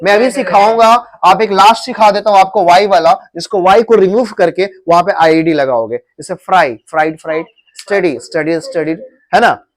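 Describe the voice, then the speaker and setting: A man's voice: sits high, moderate pace, few pauses. Indian man drilling grammar in class. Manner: repeats words for students, drills pronunciation. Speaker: English grammar tutor. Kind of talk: classroom teaching. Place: coaching classroom.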